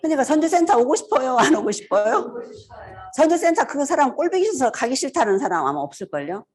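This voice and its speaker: Animated woman in her fifties. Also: high-pitched, quick pace. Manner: animated, acts out greetings, laughs often. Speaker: seminar speaker. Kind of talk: casual seminar talk.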